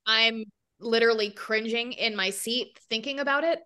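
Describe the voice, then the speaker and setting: A woman's voice: on the high side, normal speed, pushed and bright, smooth. A woman guest on a podcast, chatting casually about a film with dry asides. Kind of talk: casual chat.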